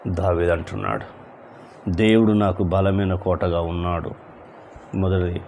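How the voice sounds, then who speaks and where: Slow, low-voiced pastor preaching. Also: male voice, creaky, a little mellow, a little hiss or hum. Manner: preaching with repeated rhetorical questions and sudden emphatic rises. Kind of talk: evening sermon.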